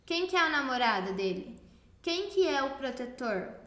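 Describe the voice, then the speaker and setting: A Brazilian woman teacher giving a recorded lesson to children, speaking slowly and stressing syllables clearly. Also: high voice, big pitch swings, a bit bright, roomy sound. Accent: Brazilian Portuguese.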